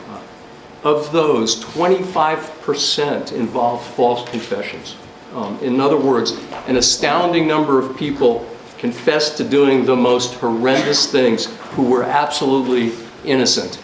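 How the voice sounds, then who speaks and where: Male organizer, opening remarks, earnest delivery with many pauses, echoey lecture hall. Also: mid-range voice, a little hiss or hum. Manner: earnest, frequent filler pauses. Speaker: conference organizer. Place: law school lecture hall. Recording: roomy hall with faint ambience.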